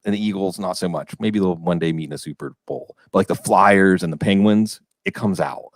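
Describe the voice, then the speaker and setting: A man's voice: low voice, brisk, dry recording, clean studio sound. A man from western Pennsylvania hosting a fantasy football podcast, rambling and asking questions in a casual chat. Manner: talkative, rambling, asks questions.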